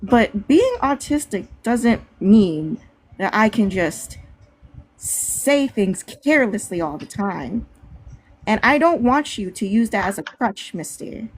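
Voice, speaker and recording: A woman's voice: medium pitch, animated, slow pace, breathy edge. Blunt, fiery woman speaking out. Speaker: panel discussion participant. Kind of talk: impassioned live discussion.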